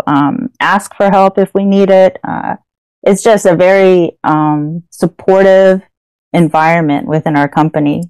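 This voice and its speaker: A woman's voice: on the low side, darkish tone, clear, resonant tone, dry recording, low-quality recording. A young adult woman co-hosting a podcast, talking casually with lots of fillers and restarts. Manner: chatty, with frequent fillers and restarts. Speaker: podcast co-host.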